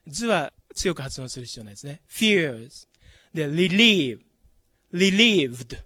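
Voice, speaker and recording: Middle-aged church worship leader, high voice, dry close sound; patient, polite rehearsal coach. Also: male voice, no room sound. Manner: polite, patient, repeats phrases to model pronunciation. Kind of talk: choir rehearsal instruction.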